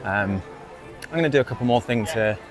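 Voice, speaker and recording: A man's voice: mid-range voice, a little fast, over music. A man chatting casually to camera as he vlogs outdoors in a theme park, upbeat and self-mocking. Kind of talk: casual vlog chat.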